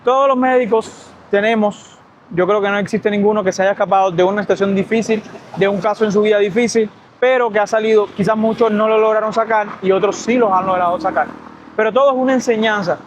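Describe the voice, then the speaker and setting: A man's voice: high-pitched, slight background noise. A young man with a Cuban accent, a doctor telling a storytime vlog while walking outdoors by a street. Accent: Cuban Spanish. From Cuba. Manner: fast, lively storytelling. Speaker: doctor and vlogger.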